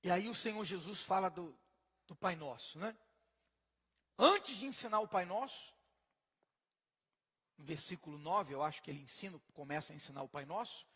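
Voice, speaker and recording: A man preaching a sermon emphatically, swinging from soft to loud and putting questions to his congregation. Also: sits high, lively intonation, moderate pace, pauses often, husky. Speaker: pastor. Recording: long hall reverb.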